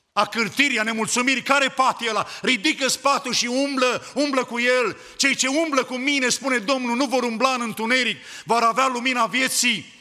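Fervent male preacher, high bright voice, declaiming in a reverberant church hall. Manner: fervent, rising to loud declamation. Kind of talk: sermon.

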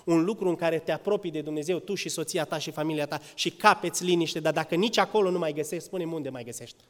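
A man preaching a sermon to a congregation, swinging between loud exclamations and quiet asides. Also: a little high. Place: church. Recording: church hall with long reverb.

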